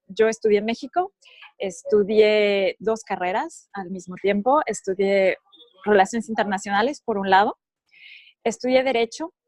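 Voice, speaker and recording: A woman, a podcast guest speaking in a measured, thoughtful way with frequent pauses. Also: mid-range voice, no echo. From Mexico. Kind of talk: podcast interview.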